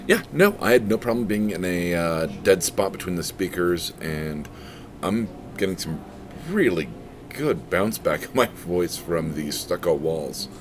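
A podcast co-host rambles through a casual chat in a restaurant, cracking crude jokes and using many fillers. His voice sits low and is expressive, a little slow. The background is noisy, with music playing behind.

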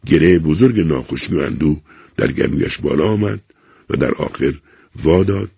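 A man reading a literary novel aloud as an audiobook narrator, in a grave, unhurried storytelling manner. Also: very deep voice, vocal fry, mellow, husky, no echo, studio quality.

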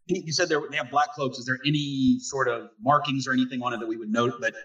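A man playing a tabletop game, asking questions and thinking out loud. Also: medium pitch, steady tone, fast, far from the mic, lo-fi sound. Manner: inquisitive, thinks aloud. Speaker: player. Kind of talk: casual tabletop game play.

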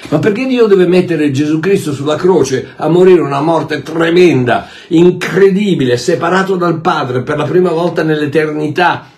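A man preaching a sermon with passion, often repeating and restarting words as he builds to loud peaks. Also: a little high, normal speed. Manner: impassioned, repeats and restarts words, rises to near shouts.

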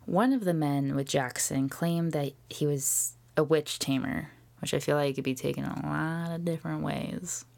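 A woman hosting a podcast, telling a history story in a casual, jokey way with swearing and quick whispered asides. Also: low-pitched, vocal fry, a little mellow. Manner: chatty with frequent fillers and whispered asides. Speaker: podcast host.

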